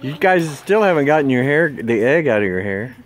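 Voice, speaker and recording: A man's voice: mid-range voice, big pitch swings, a little fast. A man chatting casually and teasingly, egging others on as he films outdoors on a backyard patio. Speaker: adult filming children at a backyard pool. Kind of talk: casual home-video chat. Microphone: handheld camera, held by the speaker.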